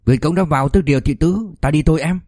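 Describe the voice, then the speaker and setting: A man's voice: fairly high pitch, fast talker, mellow, no echo, studio quality, voice pushed up, lightly acted. A man doing a brusque army officer. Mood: urgent. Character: hurried male army officer, stern husband.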